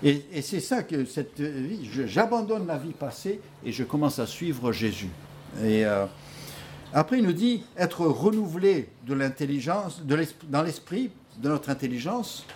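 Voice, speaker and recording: Animated preacher with a lively voice. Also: male voice, a little high, unhurried, a little hiss or hum. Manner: animated storytelling with many hesitations. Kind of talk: sermon.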